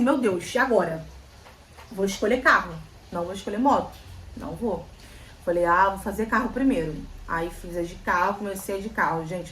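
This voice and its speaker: A woman's voice: fairly high pitch, a bit bright, a little hiss or hum. A young woman vlogger from Brazil, chatting casually and telling a story, repeating phrases for emphasis. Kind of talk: casual chat. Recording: roomy, slightly distant, faint ambience.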